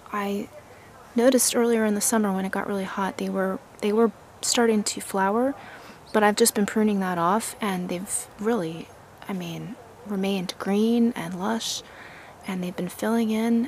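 A woman narrates a walk through her backyard garden, recorded outdoors on a handheld phone camera. Her mid-pitched voice carries a light vocal fry, and she speaks in a relaxed, admiring way with natural fillers. Faint outdoor ambience sits behind her. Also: a little hiss or hum. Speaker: gardener giving a garden tour. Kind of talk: casual walking tour narration.

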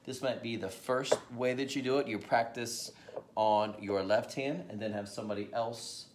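A man in his thirties, a pastor, sits at a home dining table teaching children step by step and repeating every instruction in a playful how-to demo. His mid-range voice keeps a fairly even intonation at normal speed. A camera on the table picks him up, with a little hiss or hum.

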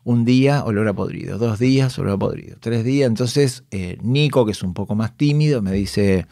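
A man with a lowish voice and vocal fry speaks at a moderate pace, recounting backstage anecdotes in a relaxed podcast chat. The Rioplatense-accented actor and comedian is animated, does his colleagues' voices, and laughs a lot. It's a dry, studio-quality recording on a studio microphone.

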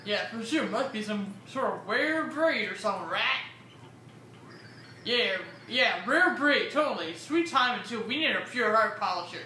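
A roomy, slightly noisy recording has a woman acting out a dim, laid-back flower dude from a video game. The voice is high and talks in easygoing slang. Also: lively intonation, normal speed, pushed and bright. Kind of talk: reading video game dialogue aloud. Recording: roomy, distant mic, faint noise.

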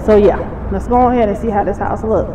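A woman's voice: mid-range voice, a little fast. A woman, short of breath as she gives viewers a casual, admiring walk-through on a handheld phone. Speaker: vlogger touring a show home. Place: walking through an empty or staged house and its yard. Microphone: handheld phone held by the person filming. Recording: echoey rooms, light background noise.

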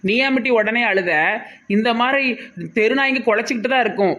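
A woman's voice: a little high, a little fast, fairly bright tone. A woman with a Tirunelveli Tamil accent, playing a brash, scolding villager in a comedy sketch.

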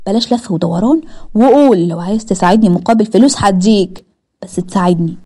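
A woman's voice: mid-range voice, quick pace, dark tone, breathy edge, natural voice. A woman with an Egyptian accent voicing a scheming, jealous young woman who talks sharply and dismissively. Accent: Egyptian Arabic.

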